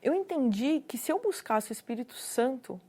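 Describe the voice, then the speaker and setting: A Brazilian woman with a Brazilian Portuguese accent shares her personal testimony in an earnest way. Her voice sits a little on the high side. She often repeats words to stress a point. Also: sing-song, moderate pace, dark tone, husky. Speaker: guest giving a personal testimony.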